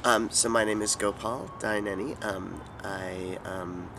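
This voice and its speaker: A man in his forties from California, answering interview questions in a thoughtful, halting way with many ums and restarts. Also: lowish voice, fairly even intonation, creaky, background noise. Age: 40s. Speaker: interviewee, activist.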